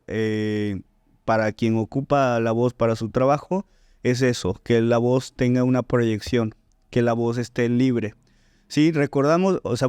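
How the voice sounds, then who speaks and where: A voice teacher and singer explains technique in a podcast interview, teaching as he talks and often checking in with "¿no?" and "¿sí?". His voice is medium-pitched, a little mellow, and smooth, with no room sound.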